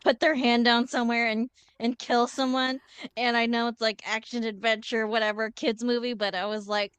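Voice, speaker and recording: A woman's voice: on the high side, level tone, normal speed, fairly bright tone, clean tone, dry recording. A woman hosting a podcast, chatting casually and laughing easily. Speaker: podcast host. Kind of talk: casual chat.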